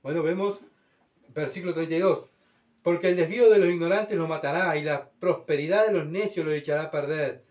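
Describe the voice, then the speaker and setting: A man's voice: a little high, a little fast, a little mellow. A man preaching a sermon, reading scripture and acting out voices with dramatic swings. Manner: dramatic, voicing God and mocking crowds in heightened tones. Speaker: pastor. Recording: voice from far off the mic.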